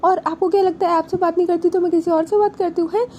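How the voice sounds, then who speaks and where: A woman's voice: very high-pitched, steady tone, quick pace, a little mellow, slight background noise, pitched above the performer's own voice. Woman doing a tearful, sulky young woman. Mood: upset, tearful. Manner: whiny, defensive, tearful. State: crying.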